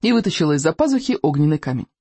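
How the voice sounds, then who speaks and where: Lively storybook narrator, very expressive pitch, dry studio sound. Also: rapid-fire, husky, no echo. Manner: animated, theatrical reading. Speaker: audiobook narrator.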